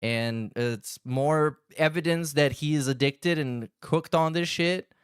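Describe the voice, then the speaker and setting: A man's voice: fairly high pitch, slow pace, smooth, dry recording, studio quality. A man giving casual reaction commentary in a crude, slangy, sardonic way as a podcast host.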